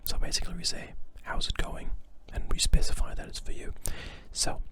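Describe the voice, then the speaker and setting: Whispering softly and patiently the whole time, a native German speaker with a German accent teaches a language lesson in English. The pace is brisk.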